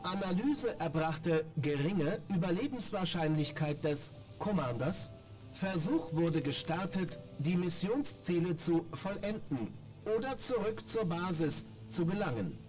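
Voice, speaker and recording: An actor voicing a malfunctioning male robot companion that reports system errors in clipped, flat phrases, with game music behind. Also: high-pitched, measured pace, poor audio. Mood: mechanical. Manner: clipped, flat machine reports in single words. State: glitching, malfunctioning. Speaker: game character.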